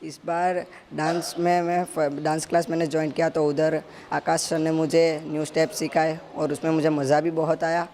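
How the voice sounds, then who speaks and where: A young man answering interview questions plainly and a little haltingly. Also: fairly high pitch, flat delivery, a little mellow.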